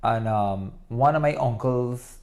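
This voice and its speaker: A man's voice: medium pitch, takes it slowly, darkish tone. Podcast host telling his side of a story. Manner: storytelling, stumbling over words at times. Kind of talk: solo podcast monologue.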